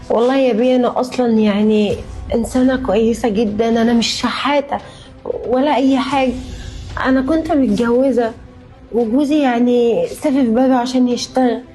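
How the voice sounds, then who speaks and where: A woman's voice: a little high, warm tone, lightly acted. A woman playing a young wife thrown out onto the street, pleading and fearful. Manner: pleading, tearful.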